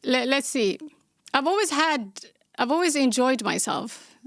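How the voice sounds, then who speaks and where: A young woman with a Somali accent and a fairly high voice hosts a casual Q&A podcast, speaking bluntly and outspokenly with dry sarcastic asides. She is expressive and unhurried, and the close, dry sound has no room ambience.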